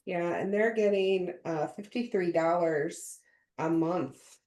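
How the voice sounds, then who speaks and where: Low-pitched lady insurance agent explaining plans, chatty, lots of ums, echoey room. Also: takes it slowly, a little mellow. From central Illinois. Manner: chatty, explains benefits in detail with fillers. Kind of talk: casual phone chat about plans.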